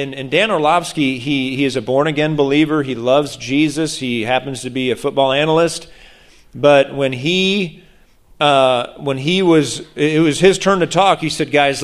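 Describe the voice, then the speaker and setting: A man preaching about prayer, telling a story with animated acted-out voices. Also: mid-range voice. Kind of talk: sermon on prayer.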